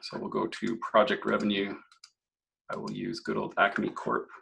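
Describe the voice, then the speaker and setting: Low gravelly man demoing software. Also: level tone, moderate pace, a little hiss or hum, low-quality recording. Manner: explanatory, clears throat often. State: slightly hoarse. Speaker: software presenter. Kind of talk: software walkthrough webinar.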